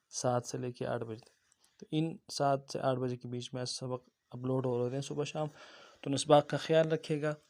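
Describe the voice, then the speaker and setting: A man teaching Quran reading in an online lesson with a Pakistani Urdu accent, drawing out syllables slowly as drills. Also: medium pitch, creaky, a little mellow. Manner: slow drawn-out syllable drills.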